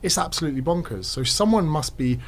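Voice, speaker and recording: A man's voice: a little high, animated, fast. A man chatting on a podcast, joking and telling a story. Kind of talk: casual podcast talk.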